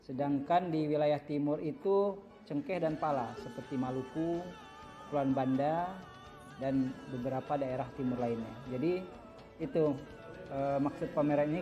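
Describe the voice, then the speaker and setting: A man guiding visitors through a museum exhibit. He explains carefully and pauses on fillers. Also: a little high. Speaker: museum guide. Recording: dull lo-fi sound.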